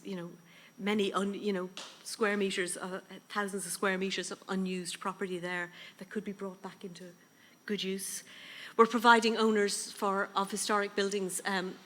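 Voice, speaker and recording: A woman giving a measured conference presentation as a heritage official. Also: mid-range voice, a bit bright, slight background noise. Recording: hall reverb.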